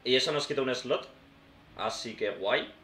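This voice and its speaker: Man, casual let's-play commentary, mid pitch, roomy desk recording. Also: moderate pace, a bit bright. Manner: chatty, thinks aloud, addresses viewers as "tío" and "hermanos". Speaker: gaming YouTuber. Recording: roomy sound with faint background noise.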